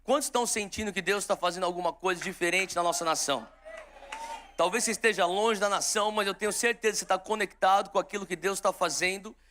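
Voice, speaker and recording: A São Paulo pastor in his forties, with a São Paulo Brazilian Portuguese accent, preaches live to an audience in a large church auditorium. His high, bright voice is fast and forceful as he leads prayer with fervent exhortations, often restarting. Slight hiss or hum is audible.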